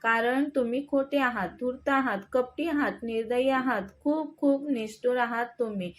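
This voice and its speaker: A woman's voice: high-pitched, moderate pace, natural voice. Woman reading as a hurt, accusing young wife. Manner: accusing, defiant. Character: hurt, angry young wife confronting her husband.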